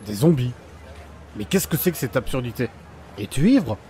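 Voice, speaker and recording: A man's voice: medium pitch, big pitch swings, moderate pace, dark tone, slight background noise, natural voice. A man playing an irritated, dismissive male neighbour. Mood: sceptical. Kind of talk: audio horror drama acting.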